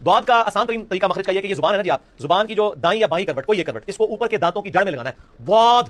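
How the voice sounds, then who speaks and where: Fast-talking teacher. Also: male voice, high voice, animated. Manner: demonstrates sounds, repeats them loudly; addresses students by name. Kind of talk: online class lesson.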